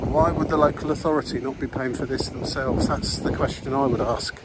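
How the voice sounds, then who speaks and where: A man's voice: mid-range voice, fairly even intonation, brisk. Older male walking vlogger, chatty and meandering, body mic outdoors, heavy background noise. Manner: rambling, chatty, many fillers and restarts. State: slightly breathless from walking. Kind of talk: casual walking commentary. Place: outdoors on a clifftop coastal path. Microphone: body-worn mic while walking. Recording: loud outdoor wind and traffic noise. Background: outdoor ambience and passing vehicles.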